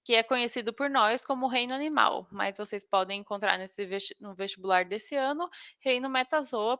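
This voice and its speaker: A Brazilian woman with a bright, fairly high voice gives an informal lesson as a teacher. She has a slight lisp and trips over technical words. The sound is close and dry. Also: no echo. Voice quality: slight lisp, tongue-tied. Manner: stumbles over technical terms. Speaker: biology teacher. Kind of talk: informal lesson for exam students.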